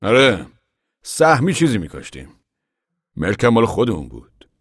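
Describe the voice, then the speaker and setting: A man voicing a determined older farmer father who speaks loudly and insistently in an audiobook reading. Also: lowish voice, wildly swooping pitch, husky, no room sound, clean studio sound, pitched above the performer's own voice, heavily acted. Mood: earnest. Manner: loud, insistent, raised voice.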